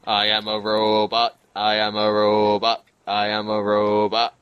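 A man's voice: on the low side, completely flat delivery, unhurried, clean tone, dry recording, lo-fi sound. A man chatting over a voice call while gaming, with his voice turned robotic by the call and droning that he is a robot, teasing and sweary. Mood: robotic monotone. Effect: robotic digital Skype distortion. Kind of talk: casual gaming chat. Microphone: headset with earbuds over a voice call.

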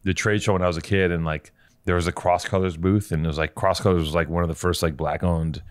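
A middle-aged man co-hosting a podcast, telling animated stories with plenty of swearing, recorded on a studio mic. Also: deep voice, quick pace. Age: 40s. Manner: animated storyteller, swears freely. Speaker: podcast co-host. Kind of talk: casual chat. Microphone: studio mic with headphones.

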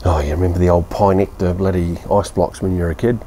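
A man's voice: low voice, steady tone, fast talker, mellow, slight background noise. A man in his fifties with a New Zealand accent, casually reviewing a beer at his outdoor home bar in a blunt, rambling way. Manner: laid-back, blunt, rambling with fillers and mild swearing.

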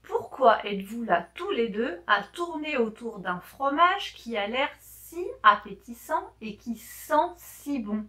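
A woman reading aloud, voicing a cunning, self-important male fox in a children's storybook with a persuasive, smooth manner. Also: on the high side, lively intonation, slow pace, few pauses, bright, forceful tone, distant mic, full character voice. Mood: curious. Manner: smooth, persuasive, talks down to others.

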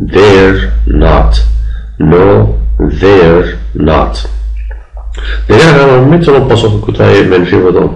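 Man, Afghan Dari accent, deep gravelly voice, slow patient lecturer. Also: reverberant, low-quality recording. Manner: patient, repeats examples slowly and deliberately. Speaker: university English lecturer. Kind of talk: recorded online grammar lecture.

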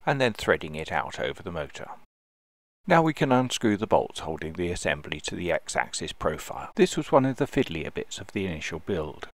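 Deep, gravelly man explaining a repair. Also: no room sound. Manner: measured, careful, explanatory. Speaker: DIY repair video host. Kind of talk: calm step-by-step voice-over tutorial.

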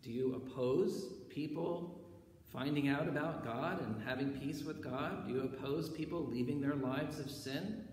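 Conversational preacher in an echoey church. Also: male voice, a little high. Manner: conversational, frequent rhetorical "right?" and "okay". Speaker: pastor. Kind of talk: sermon. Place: church sanctuary. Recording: echoey church hall with faint background noise.

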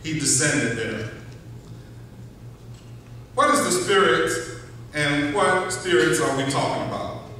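A middle-aged man preaches from the pulpit, teaching steadily and slowing down on key words. His voice is bright and a little high for a man, with plenty of ring. He is picked up from the back of a large sanctuary, so long reverb and a faint room hush surround every word. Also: lively intonation, a little hiss or hum. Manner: measured teaching delivery, slows for emphasis, occasional restarts. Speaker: pastor. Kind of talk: sermon. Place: large church sanctuary, indoors. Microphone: far camera at back of church. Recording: echoey church hall from far off.

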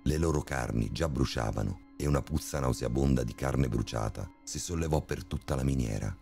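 A man narrating a first-person horror story in a steady, grim storytelling manner. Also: extremely low pitch, moderate pace, vocal fry. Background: faint background music.

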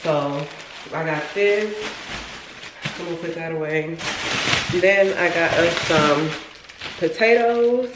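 A woman's voice: fairly low pitch, slow, pauses often, echoey room, very noisy. A woman in her twenties from Florida, chatting casually and rambling through a home vlog in her kitchen, talking to a handheld camera. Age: 20s. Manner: rambling, chatty, repeats herself. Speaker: vlogger. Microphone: handheld camera, then camera set on counter.

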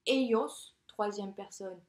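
A woman teaching Spanish in in a recorded lesson, talking briskly and patiently and checking in often with her students. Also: medium pitch, darkish tone. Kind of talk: recorded lesson correcting exercises. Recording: echoey room.

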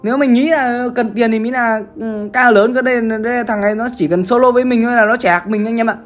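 A woman talks her viewers through a game in casual, chatty commentary. She speaks at a rapid clip and keeps calling out to the audience. Faint music plays softly underneath. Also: on the high side, fairly even intonation. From Bắc Giang, Vietnam. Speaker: gaming streamer.

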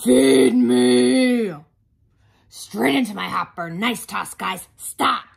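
A woman voicing a loud, gruff, boastful, greedy garbage truck in an exclaiming picture book read-aloud. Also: medium pitch, measured pace, heavily acted. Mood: boastful, hungry.

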